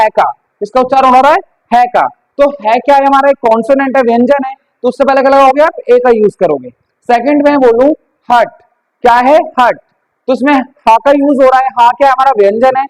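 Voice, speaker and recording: A man's voice: extremely high pitch, low-quality recording. A man teaching English grammar, asking questions and answering them himself. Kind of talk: classroom grammar lesson.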